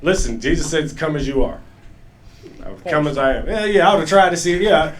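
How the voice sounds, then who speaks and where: A male stand-up comedian with works a club stage. His voice sits a little high, and he talks loosely and profanely, laughing through his own stories. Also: animated, fairly quick. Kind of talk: stand-up set.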